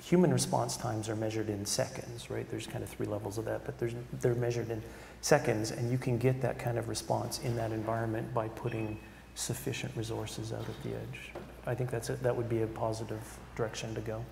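A man's voice: fairly low pitch, level tone, a little fast, creaky, darkish tone. A middle-aged man speaking on a conference panel, conversational and emphatic, often tagging points with "right?". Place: large conference hall stage. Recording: echoey hall with faint room noise.

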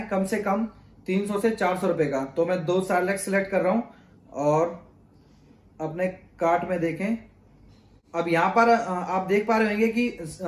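A young YouTuber with a high voice talks to the camera in a chatty, casual tutorial, guiding viewers step by step through a shopping app. He explains things conversationally and often calls his audience "friends." He sits indoors before a plain blue backdrop, and the sound is roomy.

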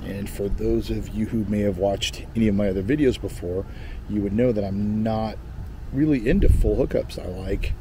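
A middle-aged man from California vlogging casually from an outdoor lakeside campsite, talking in a relaxed, rambling way and correcting himself as he goes. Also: fairly low pitch, moderate pace, a little hiss or hum. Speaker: camping vlogger. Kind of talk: casual travel vlog. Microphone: camera at arm's length. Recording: music playing under the voice.

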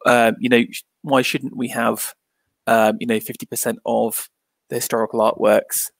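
A man with a gravelly, creaky voice talks through an idea about art in a casual discussion. He hesitates, repeats words and leans on fillers, and the recording is dry with little room sound. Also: mid-range voice, level tone, normal speed, no room sound. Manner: hesitant, stammering with many fillers.

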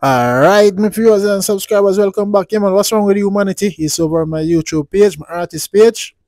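Higher-pitched Jamaican man in Rasta speech. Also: fairly quick, darkish tone, faint music behind. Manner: Rasta speech with Jamaican Patois, blessings and repeated "yeah man" tags. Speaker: YouTube channel host. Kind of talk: casual music commentary in Rasta speech.

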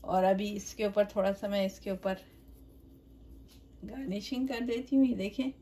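A woman hosting her own cooking channel, explaining a recipe step by step in a gentle, chatty way, with blessings and greetings to her viewers. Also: medium pitch, normal speed. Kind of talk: home cooking tutorial voice-over. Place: home kitchen.

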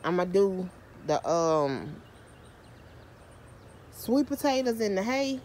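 A medium-pitched woman speaks in a slow, sing-song way with a slightly mellow tone during a garden tour outdoors. She's a home gardener and vlogger holding a phone camera, chatty and quick to laugh at herself, using Southern US slang, with slight background noise.

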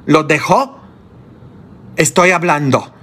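Blunt, slow-preaching priest. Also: male voice, expressive, a bit bright. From Poland. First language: Polish. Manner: blunt, scolding, rhetorical questions, sudden high outbursts. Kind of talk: sermon.

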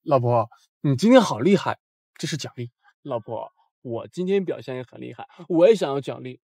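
An actor playing a clingy young husband who acts simple-minded, with a childish, pleading manner. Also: male voice, medium pitch, lively intonation, moderate pace, gravelly, darkish tone, husky. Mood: pleading, childlike. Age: young adult. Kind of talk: short romantic drama acting.

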